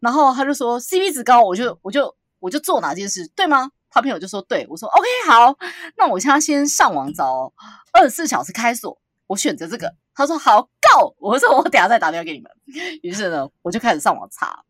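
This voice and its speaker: A woman chats on a podcast, acting out every line of her story and breaking into laughter. Her voice sits a bit high and swings widely in pitch, recorded dry and close. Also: a little fast, no echo. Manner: animated storyteller, acts out quotes, laughs often. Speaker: podcast co-host. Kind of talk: casual storytelling chat.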